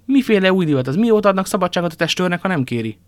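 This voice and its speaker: A man plays a hearty, loud-mouthed musketeer who exclaims and blusters. The voice climbs high and pushes hard. The storybook recording is dry and close. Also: expressive, no echo. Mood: blustering. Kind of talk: audiobook character reading.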